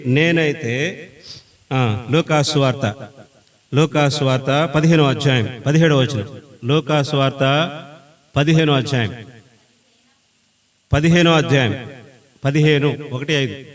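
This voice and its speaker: A man preaching a sermon in a church meeting, reading scripture and coaxing the congregation to call out the answers. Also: a little high. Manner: sings a hymn slowly before preaching. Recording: voice from far off the mic.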